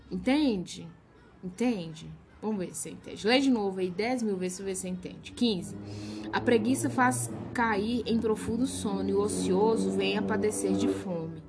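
A woman's voice: mid-range voice, a little slow, darkish tone, a little hiss or hum. A woman with a Brazilian accent giving informal devotional teaching, reading a verse and then commenting on it in a blunt, emphatic way. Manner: blunt and emphatic, scolding asides. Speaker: Bible teacher.

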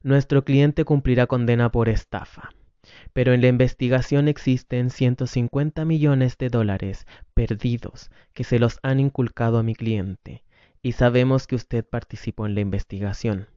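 A man's voice: mid-range voice, steady tone, normal speed, warm tone, smooth, dry recording, close to an everyday voice. A man reading the lines of a persistent, formal lawyer who keeps pressing for a statement, on a dull lo-fi recording. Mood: insistent. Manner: formal, insistent.

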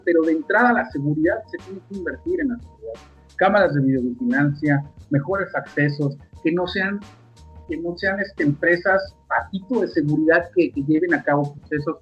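A man's voice: on the high side, slightly rough, dull audio. A man with a Mexican accent hosts a casual sports talk show, speaking conversationally with many fillers and asides. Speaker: podcast host.

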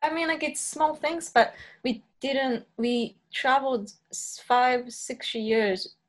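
A woman's voice: high voice, slow. Woman, podcast guest, casual chat, fillers, laughs. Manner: chatty, many fillers, playful laughs.

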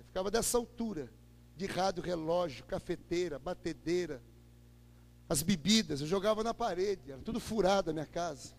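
Male preacher, Brazilian accent, very high gravelly voice, emphatic testimony with loud peaks and low murmurs, echoing church hall. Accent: Brazilian Portuguese. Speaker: preacher giving his testimony. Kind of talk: impassioned testimony sermon. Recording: echoey hall with long reverb.

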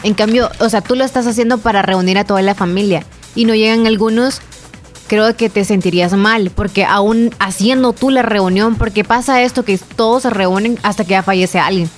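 Salvadoran woman, expressive podcast co-host. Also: medium pitch, moderate pace, faint music behind. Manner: expressive, reflective. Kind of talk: casual chat.

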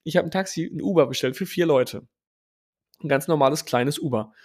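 A young man hosting a podcast, casually telling an animated story and quoting people along the way. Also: fairly high pitch, fairly quick. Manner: animated, quotes people with lively asides. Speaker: podcast host.

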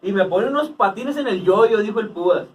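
A man's voice: high-pitched, expressive, a little fast, recorded from a distance. A man with a Mexican accent, a podcast host, joking in crude slang and telling stories. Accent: Mexican Spanish. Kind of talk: casual banter.

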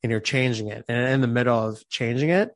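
Casual young dad telling stories, dry mic. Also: male voice, medium pitch, fast, no room sound. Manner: candid storytelling, swears freely. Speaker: podcast co-host. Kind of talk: casual chat.

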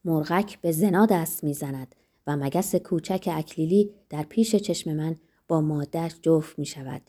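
Brief: a woman playing a raving wild young man in a spoken storybook, lowered dark voice, harsh. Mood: furious. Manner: harsh, spitting insults.

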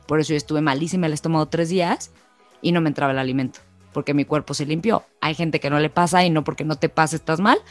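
A woman's voice: low-pitched, steady tone, fast talker, faint music behind. A young Mexican woman co-hosting a podcast, telling a personal story in a chatty casual way. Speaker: podcast co-host. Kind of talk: casual chat.

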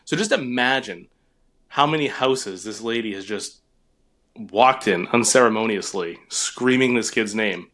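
A man's voice: fairly low pitch, unhurried, fairly bright tone. A man with a New England accent, co-hosting a podcast, telling stories in a casual chat with frequent laughs and swearing. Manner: laughs often, storytelling with profanity. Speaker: podcast co-host.

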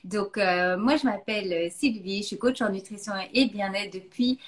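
A woman's voice: medium pitch, normal speed. A woman from Belgium hosting a live online interview, chatty and friendly, with many hesitations. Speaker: host.

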